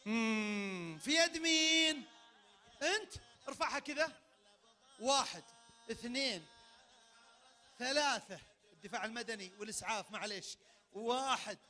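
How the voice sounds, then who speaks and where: A man with a Saudi accent hosting a crowd party game in a big event tent, talking into a handheld mic and barking sudden commands. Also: extremely high pitch. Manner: energetic, barks sudden commands. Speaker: game host at a public event. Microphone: handheld microphone.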